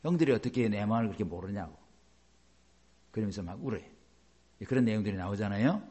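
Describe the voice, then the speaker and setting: A middle-aged man preaching a sermon as a pastor, animated, with many rhetorical questions. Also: on the low side, fast talker, slightly rough.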